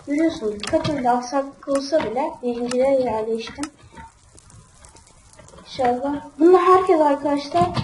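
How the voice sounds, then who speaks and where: Woman host doing casual game commentary to viewers; quick to complain, recorded distant in an echoey room. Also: sits high. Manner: grumbling, easily frustrated, talks straight to viewers. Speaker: gaming channel host. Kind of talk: casual let's-play commentary. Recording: roomy, distant mic with background noise.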